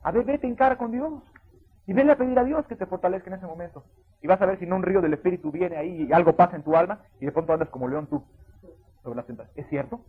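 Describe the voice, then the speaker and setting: A man preaching a sermon as pastor, swinging between loud emphatic bursts and quiet asides. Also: high-pitched, very fast, slightly rough. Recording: tinny phone-like sound.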